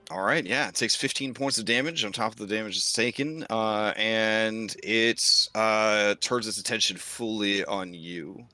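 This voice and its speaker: A man's voice: lowish voice, unhurried, hardly any pauses, sharp tone, no echo. A man as game master, casually narrating a tabletop role-playing game and calling for rolls.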